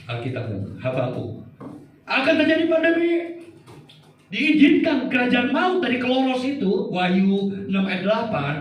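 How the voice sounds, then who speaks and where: A man preaching a sermon as pastor, swinging from low murmurs to high shouted outbursts. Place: church hall. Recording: echoey church hall, preacher far from mic.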